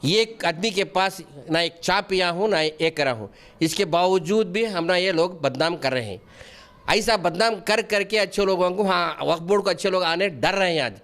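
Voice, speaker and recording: High-pitched earnest man. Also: moderate pace, fairly bright tone. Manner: earnest, repeats himself, restarts often; defensive and pleading. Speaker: wakf board member being interviewed. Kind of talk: news interview answers.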